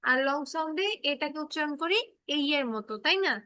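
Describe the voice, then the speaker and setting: High, bright-voiced woman teaching phonics. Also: fairly quick, no room sound. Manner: patient, repeats and checks understanding. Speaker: English teacher. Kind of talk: online kids' class, explaining phonics.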